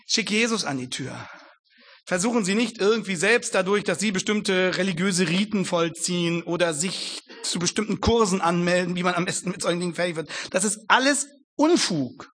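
A man delivering a sermon with a high-pitched voice. His tone is bright and penetrating. He exhorts his listeners emphatically and lingers deliberately over each quoted verse. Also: expressive. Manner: addresses listeners directly, exhorting. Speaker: preacher.

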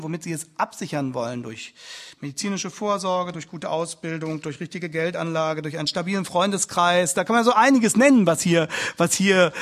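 A man's voice: fairly high pitch, a bit bright. A man preaching a sermon as a pastor, emphatic and building his points through repeated phrases.

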